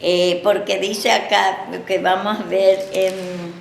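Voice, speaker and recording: A woman pastor, preaching a sermon slowly and repetitively, often pausing on fillers. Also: mid-range voice, little pitch movement, gravelly. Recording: echoey room with faint background noise.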